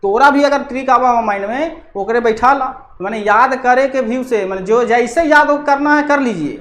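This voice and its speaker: A woman's voice: fairly high pitch, moderate pace, a bit bright. A woman teacher, giving a chatty exam-prep lesson built on memory tricks and playful scolding quips. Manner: chatty, switching between explaining and acted scolding quips. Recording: echoey room with faint noise.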